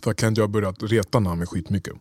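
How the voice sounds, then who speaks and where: A man's voice: fairly low pitch, slightly rough, dry recording. A young man on a podcast, chatting casually about parenting and acting out little scenes with his kids. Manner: animated storyteller, acts out quotes of his kids. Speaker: podcast co-host. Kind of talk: casual chat.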